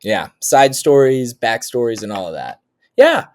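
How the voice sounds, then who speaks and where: A man's voice: medium pitch, very animated, a little slow. A man from Oklahoma guest-hosting a casual podcast, telling rambling stories with many restarts. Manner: rambling storyteller, lots of restarts and laughs. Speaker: guest co-host.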